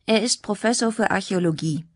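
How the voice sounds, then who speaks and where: A woman voicing a quiet, bookish teenage boy who answers in a reserved murmur in a storybook reading. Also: mid-range voice, brisk, dry recording, clean studio sound, natural voice. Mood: subdued.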